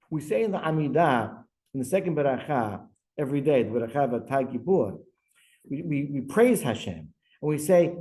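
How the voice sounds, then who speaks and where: A man's voice: high-pitched, mellow, rough recording. A man, a rabbi, giving a Torah class lecture. He speaks emphatically, asks rhetorical questions and weaves Hebrew verses into his English explanation.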